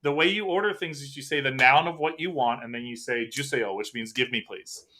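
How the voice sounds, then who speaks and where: A man hosting a casual podcast chat, telling stories in an animated, talkative way. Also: mid-range voice, brisk. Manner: chatty, animated storyteller. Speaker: podcast host.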